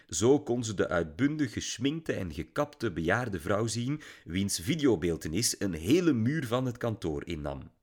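A man reading a novel aloud as narrator, telling the story expressively. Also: on the low side. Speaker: audiobook narrator. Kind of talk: scripted narration.

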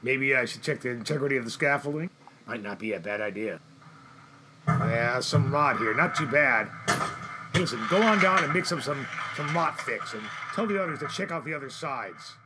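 An actor playing a gruff scaffolding worker, practical and plain-spoken, giving orders to his crew in an audio drama. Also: mid-range voice, expressive, moderate pace, noisy background, lightly acted. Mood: calm. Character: gruff male scaffolding worker, foreman type.

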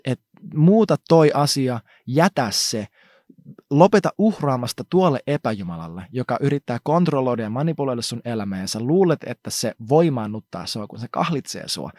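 A man delivers a relaxed devotional talk in an easy, chatty way. His pitch rises and falls a lot as he acts out small asides while retelling stories. The recording is close and dry, with no room sound. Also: dry recording. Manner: conversational, slangy, animated retelling with acted asides. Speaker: preacher. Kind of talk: casual devotional teaching.

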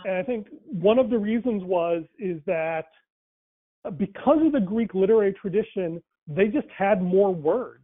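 A little slow and high-pitched, a Tamil-first-language man reflects casually on faith and language, stumbling through fillers and restarts as he thinks. The line sounds tinny and dry, like a phone.

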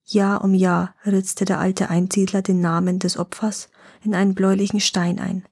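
A woman narrating a fairy-tale legend in a calm, even reading voice. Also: medium pitch, normal speed, breathy edge, no room sound, studio quality.

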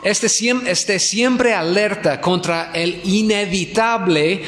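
A man's voice: high voice, slow pace, fairly bright tone, a little hiss or hum. A man preaching at a pastors' conference, asking his listeners questions and repeating his key points. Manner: asks the audience questions and repeats himself. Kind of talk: conference sermon. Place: church hall in Ecuador. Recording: echoey hall.

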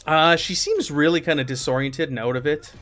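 Man game master, casual narration, relaxed and chatty, a touch higher-pitched. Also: brisk, faint music behind. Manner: relaxed, filler-heavy, laughs often.

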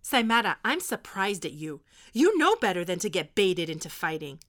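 A woman's voice: lowish voice, sing-song, normal speed, a bit bright. A woman acting a stern, lecturing history teacher keeping two students in detention. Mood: scolding. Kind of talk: audio drama acting.

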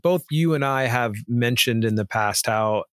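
A man's voice: medium pitch, unhurried, no echo. Laid back pastor dude rambling on a podcast, says man a lot, dry close mic. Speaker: house church pastor, podcast co-host. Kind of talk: casual conversational podcast.

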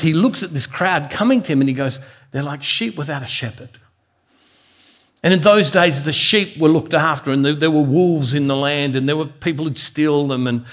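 A man's voice: fairly high pitch, a bit bright. Earnest man preaching a devotional sermon. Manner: earnest, repeats words as he builds a point. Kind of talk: devotional sermon with personal storytelling.

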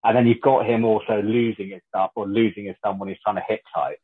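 Husky man on a tinny phone-like line. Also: lowish voice, fairly even intonation, fast talker. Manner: chatty, hedging with tag questions. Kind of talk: casual film discussion.

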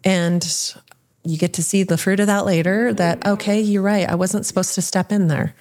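A woman's voice: medium pitch, fairly even intonation, normal speed, a little mellow. A woman hosting a casual podcast discussion, talking in a reflective way and asking the others questions.

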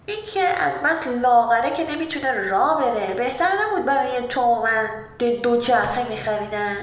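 A woman's voice: fairly high pitch, voice pushed up, lightly acted. A woman reading a storybook, voicing a boastful city boy cousin who mocks everything in the village. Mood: mocking. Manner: mocking, boastful. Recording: roomy echo with background noise.

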